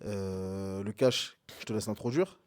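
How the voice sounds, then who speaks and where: A man's voice: fairly low pitch, measured pace. A man co-hosting a live show, chatting casually and hyping the crowd. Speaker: podcast co-host. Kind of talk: casual live-stream chat.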